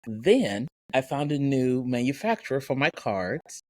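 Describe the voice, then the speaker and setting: A woman co-hosting a podcast, telling rambling, animated stories in casual chat. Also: very deep voice, measured pace, no echo, low-quality recording. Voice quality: animated, rambling storytelling with voiced asides. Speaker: podcast co-host.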